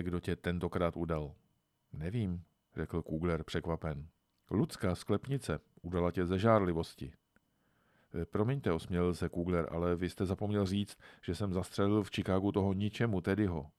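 A man narrating a literary story in a calm, measured way. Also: low voice, dry recording, studio quality. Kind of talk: literary reading.

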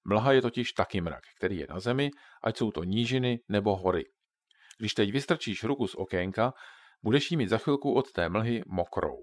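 A man's voice: on the low side, expressive, no echo, clean studio sound, close to an everyday voice. A man voicing a joking father who patiently explains things to his children in a storybook reading. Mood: jokey explaining.

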